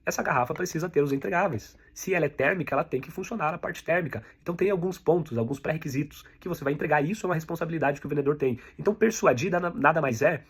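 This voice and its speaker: A Brazilian man with a slightly raised pitch teaches a sales class at a brisk, rapid pace. His voice has a husky, slightly raspy edge. He coaches the listener directly and drives each point home through repetition. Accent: Brazilian Portuguese. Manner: direct, repetitive coaching, addresses the viewer as you. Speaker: sales instructor. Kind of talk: online sales lesson.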